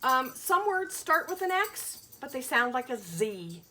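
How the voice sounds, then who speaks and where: This teacher's voice sits high, very animated, bright and forceful, moving a little slowly over a slight hiss or hum. She gives young children a lesson with a picture-book read-aloud, explaining simply, questioning them, and stressing letters and words as she sounds them out.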